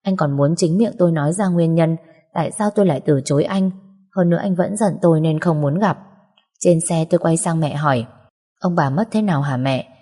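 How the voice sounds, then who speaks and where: A woman's voice: deep voice, brisk, mellow. A woman narrating a first-person story in an earnest, emotional way, with long hall reverb.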